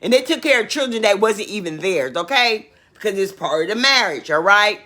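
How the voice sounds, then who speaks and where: A woman's voice: mid-range voice, expressive, fairly quick, pushed and bright. A woman hosting a casual opinion livestream, reading viewer comments aloud and answering them emphatically, often repeating her points and asking questions.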